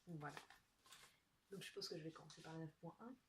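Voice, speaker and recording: A young woman chatting casually to camera as she opens gifts, soft-spoken and giggly, thinking aloud. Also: sits low, fast talker. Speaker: vlogger opening gifts. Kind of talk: casual unboxing chat to camera. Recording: distant mic with faint noise.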